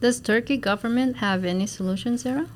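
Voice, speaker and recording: A woman's voice: a little high, brisk, slight background noise. Filipino-accented woman moderating a discussion. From Philippines. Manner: polite, questioning, leads the talk. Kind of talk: student discussion role-play.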